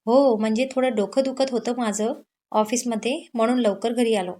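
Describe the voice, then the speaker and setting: A woman voicing a restless, lovesick young man in an audio story, speaking slowly and softly. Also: on the high side, fairly even intonation, natural voice. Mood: weary. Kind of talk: Marathi audio story narration.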